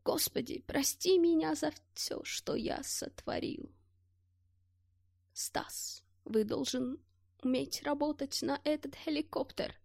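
A woman voicing a frightened old male soldier who pleads in hushed, broken, ungrammatical speech. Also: high voice, slow pace, gravelly, voice pushed up, full character voice. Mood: despairing. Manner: ungrammatical, foreign-sounding speech; hushed, half-whispered pleading.

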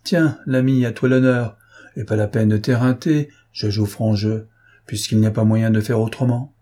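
A man voicing a sly, cocky gentleman thief who teases his captors in an ironic, lively tone, in a read-aloud novel. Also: lowish voice, normal speed, lightly acted. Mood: mocking.

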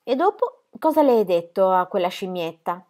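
A woman's voice: mid-range voice, sing-song, moderate pace, a little mellow, natural voice. A woman voicing a small, furious elderly aunt who scolds with sarcasm. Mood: scolding.

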